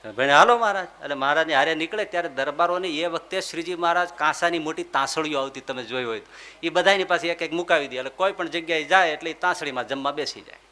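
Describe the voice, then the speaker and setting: A male preacher tells a humorous sermon story. His voice sits high and sounds bright and forceful. He is animated and acts out the characters. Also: fast.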